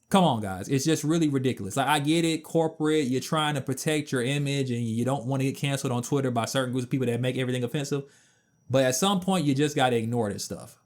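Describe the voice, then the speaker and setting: A man in his twenties giving a casual, opinionated game review with blunt, emphatic asides. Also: a little high. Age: 20s.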